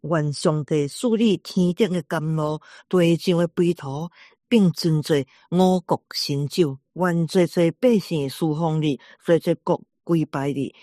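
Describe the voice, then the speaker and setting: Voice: mid-range voice, measured pace, mellow, dry recording, studio quality, close to an everyday voice. A reader voicing the aged father Isaac as an old man giving solemn blessings, read in an everyday voice from a scripture storybook reading.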